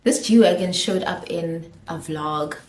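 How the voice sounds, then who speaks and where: A young South African woman, a vlogger and makeup artist, chats casually through a storytime vlog while getting ready at home, giggling and slipping in Zulu phrases. Her voice sits lowish and a little mellow, and she speaks at a slow pace. The room sounds echoey.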